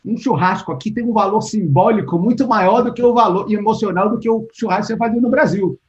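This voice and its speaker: A Brazilian writer with a high voice talks fast in a casual interview, heard over dull, lo-fi call audio. Thoughtful, he thinks out loud, restarts often, and acts out the exchanges people had with him.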